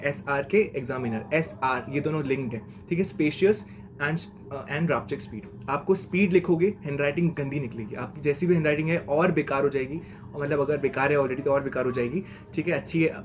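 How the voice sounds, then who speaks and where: A man's voice: fairly high pitch, normal speed, noisy background. A young man giving a chatty, slangy lesson of exam tips as a mentor. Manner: chatty and slangy, keeps saying "okay?".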